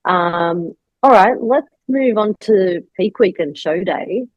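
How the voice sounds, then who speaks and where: A woman's voice: medium pitch, lively intonation, slow, no echo, highs cut off. A woman hosting a casual podcast as a bodybuilding coach, giving reassuring advice with frequent fillers. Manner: reassuring, advisory, thinks aloud with fillers.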